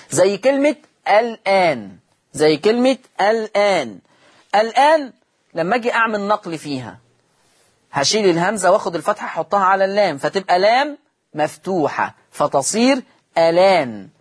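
On a TV lesson in Quran recitation, a man with an Egyptian Arabic accent and a high, slightly rough voice goes over each rule patiently and tests his audience with questions.

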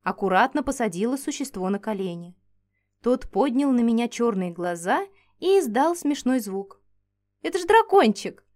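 A woman narrating a first-person fantasy audiobook in an expressive, animated way. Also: on the high side, moderate pace.

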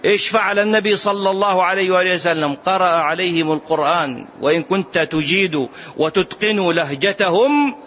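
High-voiced man giving an emphatic religious lesson. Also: brisk, fairly bright tone, slight background noise. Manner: emphatic, asks rhetorical questions and repeats key phrases. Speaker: Islamic lecturer. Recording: dull lo-fi lecture recording.

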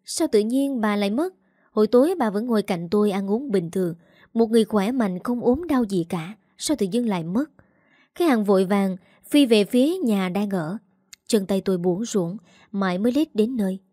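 Female storyteller, mellow tone, dry close mic, sorrowful measured delivery. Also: mid-range voice, lively intonation, no echo. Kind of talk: scripted first-person narration.

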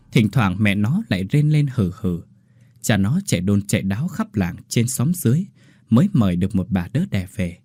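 A man's voice: on the low side, mellow, breathy edge, no room sound. A man narrating a horror story with dramatic delivery. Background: faint music.

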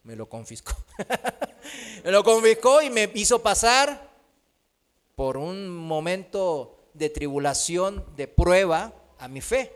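A man preaching a sermon, asking rhetorical questions and tagging his points with a quick "¿no?". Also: high voice, big pitch swings, clear, resonant tone. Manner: rhetorical questions with frequent tag "¿no?"; acts out quoted voices.

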